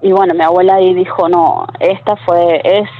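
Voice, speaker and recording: Over a tinny phone line with faint noise, a female caller casually tells a true story. Her voice is fairly low and level, her pace moderate, and her chatty telling is full of tag questions.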